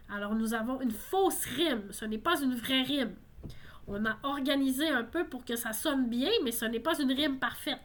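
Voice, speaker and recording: Higher-voiced woman explaining lyrics. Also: fairly bright tone. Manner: explanatory, frequent tag "hein". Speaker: French teacher. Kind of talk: song lesson explaining lyrics.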